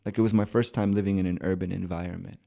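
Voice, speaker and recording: A young American rapper and poet appears as a guest on a casual podcast interview. His voice is low and gravelly, fast yet relaxed and thoughtful, with many fillers and restarts.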